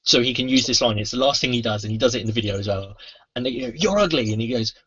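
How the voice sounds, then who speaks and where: Bright, husky man explaining earnestly. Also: medium pitch, fairly even intonation, very fast. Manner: earnest, explanatory, acts out quoted lines. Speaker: anti-bullying trainer, podcast host. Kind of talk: casual convention interview chat. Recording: muffled lo-fi convention recording.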